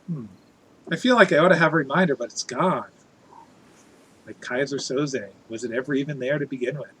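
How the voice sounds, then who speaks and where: A man's voice: mid-range voice, brisk, a bit bright, husky, low-quality recording. A man chatting casually as a live streamer, reading out viewer comments in a playful, jokey, theatrical way.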